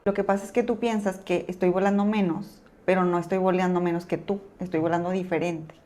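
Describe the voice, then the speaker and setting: A woman voicing a wise eagle in a spoken story, explaining calmly and patiently. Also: lowish voice, a little fast, close to an everyday voice. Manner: calm, explaining.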